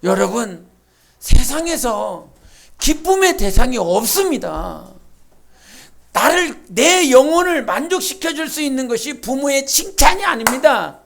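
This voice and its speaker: A woman pastor preaching a sermon in a church, with emphatic bursts, quiet asides and acted-out quotes. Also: high voice, sing-song, measured pace, gravelly. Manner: acts out quoted speech and imitates sounds. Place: church sanctuary.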